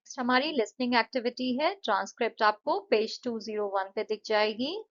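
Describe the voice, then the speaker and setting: A woman teacher with an Indian English accent talks students through an English workbook. Her voice sits slightly high, and she explains each answer patiently. She draws words out slowly to model their sounds, and the recording is dull and lo-fi. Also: fairly bright tone. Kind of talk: Hindi-English exercise walkthrough.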